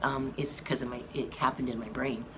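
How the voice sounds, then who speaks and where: Speaking to viewers from a hospital rehab room, this hoarse woman shares a health update in a bass voice with a steady tone. She is slow and halting, leaning on many fillers, while an air conditioning fan hums in the noisy background.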